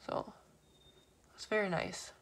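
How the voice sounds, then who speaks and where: A beauty vlogger in her thirties, stuffy-nosed from a cold, chats casually while working through a makeup tutorial in a small room at home. She speaks slowly in a fairly bright voice, with a little hiss or hum on the recording.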